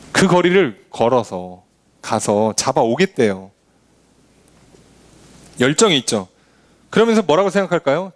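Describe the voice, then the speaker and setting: A man preaching a Sunday sermon as pastor, acting out boastful people with scoffing clicks. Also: mid-range voice.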